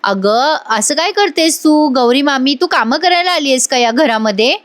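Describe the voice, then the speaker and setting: A blunt, teasing teenage girl who speaks her mind, voiced as a woman retells an episode. The voice is high. The lines are delivered as plain retold dialogue. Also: expressive, moderate pace. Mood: outspoken. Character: outspoken teenage girl, cheeky and affectionate.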